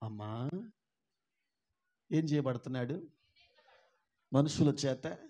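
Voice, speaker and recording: A male pastor with an Andhra Telugu accent, preaching a sermon. He swings from soft asides to loud, emphatic shouting and asks the congregation questions. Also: mid-range voice, slow pace. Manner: acts out mocking relatives in a raised voice.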